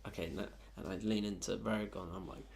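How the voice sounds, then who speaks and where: A man's voice: low-pitched, fairly even intonation, quick pace, gravelly, a little mellow, slight background noise. A man playing a tabletop game, jokey, acting out his character's lines. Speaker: player. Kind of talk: tabletop role-play banter.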